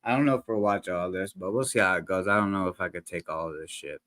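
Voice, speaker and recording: A reaction channel host with a low, fairly bright voice talks fast, rambling to viewers in slang with many restarts and fillers. The recording is dry and studio quality, though his desk microphone sometimes peaks.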